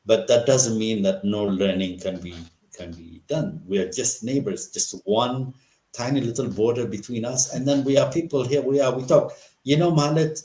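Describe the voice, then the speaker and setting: This middle-aged man from Ethiopia speaks at a medium pitch and normal speed with a dark tone. As an interview guest he argues politics passionately, throwing in rhetorical questions and restarting sentences often, all with a roomy echo.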